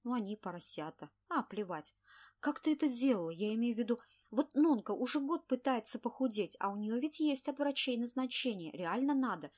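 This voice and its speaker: Woman reading bossy makeup artist friend, brisk, scolding, audiobook. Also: on the high side, expressive, darkish tone, voice pushed up. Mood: indignant.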